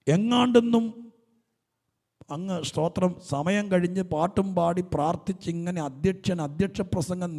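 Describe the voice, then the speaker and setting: A man preaching a Pentecostal sermon, moving between hushed asides and shouted peaks and repeating phrases back to his congregation. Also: high voice, gravelly. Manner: call-and-response, swings from hushed to shouting. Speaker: pastor. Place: church hall. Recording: reverberant church hall.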